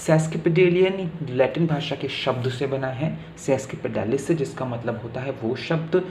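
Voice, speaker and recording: Man, literature lecture, slow careful definitions, explanatory, echoey room, faint background hum. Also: medium pitch, a little mellow. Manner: reads English definitions slowly, then explains them in Hindi. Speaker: literature teacher.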